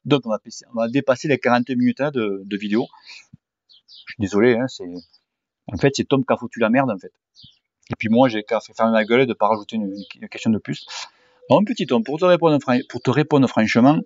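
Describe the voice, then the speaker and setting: A cycling YouTuber who also coaches sport, a man in his forties, answers questions from viewers in a casual vlog, speaking with a southern regional French accent. He's blunt, uses slang and swears a lot; his mid-range voice carries vocal fry, and the home recording is dull and dry.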